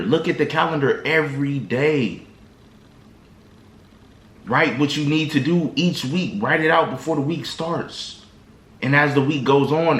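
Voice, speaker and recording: In an echoey room, a man with a mid-range, fairly bright voice offers viewers rambling motivational pep talk to camera. As a vlogger, he keeps it slangy and loose, frequently starting his sentences over.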